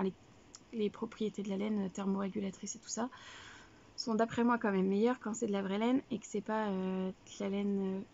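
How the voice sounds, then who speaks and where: Chatty woman with a gravelly edge. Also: medium pitch, dark tone, highs cut off. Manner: chatty and rambling, many fillers and self-corrections. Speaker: knitting podcast host. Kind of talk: casual video podcast chat. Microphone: camera, showing items to viewers.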